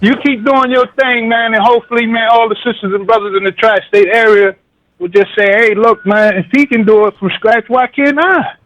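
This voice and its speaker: A man with a high-pitched voice talks as a caller on a radio show. His delivery is casual and slangy, and he keeps checking in with tags like "you know.". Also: fairly even intonation, fairly quick, a bit bright, muffled recording. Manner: slangy, conversational, repeats "you know what I'm saying". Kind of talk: casual call-in monologue.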